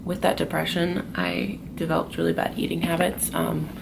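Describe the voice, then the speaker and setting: Young female vlogger, low and very gravelly, hushed half-whisper, noisy recording; candid and loose. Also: monotone, normal speed. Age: young adult. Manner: soft-spoken, half-whispered, swears casually. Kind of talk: casual confessional talk. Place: group home at night, indoors.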